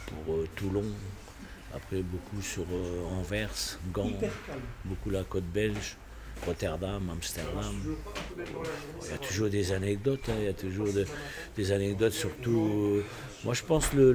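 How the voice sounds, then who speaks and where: A man in his sixties, born in Portugal with Portuguese as his first language, talking hesitantly and reflectively about his life in an interview. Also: fairly low pitch. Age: 60s. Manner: reflective, hesitant, halting with restarts. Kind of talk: casual spoken recollection. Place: bar.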